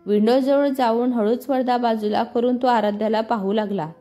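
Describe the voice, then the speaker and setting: A woman narrating a serialized family and romance story in a steady, plain reading voice. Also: on the high side, normal speed. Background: faint music.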